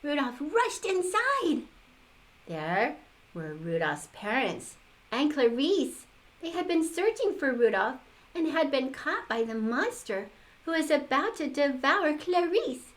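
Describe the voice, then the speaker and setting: Casting: sweet old lady storyteller, unhurried, with highish, animated voice. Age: older. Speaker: grandmother reading to children. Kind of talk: expressive storybook read-aloud.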